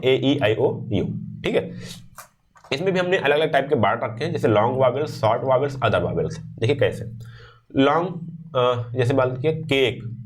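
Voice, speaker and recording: A young man teaching with an Indian accent, reading English definitions slowly and then explaining them in quick conversational Hindi. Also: fairly high pitch. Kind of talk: exam-prep lecture, Hindi mixed with English.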